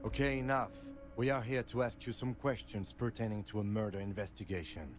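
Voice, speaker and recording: A man voices a calm, reserved police lieutenant from a video game. He is low-pitched, dry and clipped. Game music plays clearly behind him. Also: natural voice. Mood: curt. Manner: curt, dry and measured.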